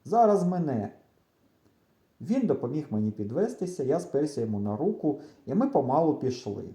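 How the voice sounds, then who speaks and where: A man reads a children's adventure aloud, with animated storytelling that swings widely in pitch. His tone is dark and mellow but sits slightly high. The room around him is echoey. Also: fast talker. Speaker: audiobook reader. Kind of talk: expressive audiobook narration.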